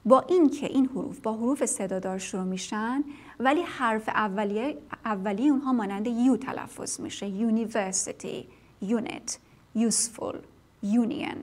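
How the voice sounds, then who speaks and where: Patient woman teaching a TV language lesson. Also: fairly high pitch. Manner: patient, explanatory, with frequent fillers and self-corrections. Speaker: English teacher.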